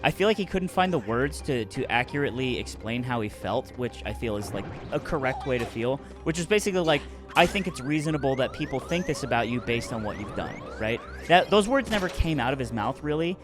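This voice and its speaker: A man co-hosting a casual podcast chat, animated and rambling, swearing often. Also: medium pitch, brisk, hardly any pauses, music in the background. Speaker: podcast co-host.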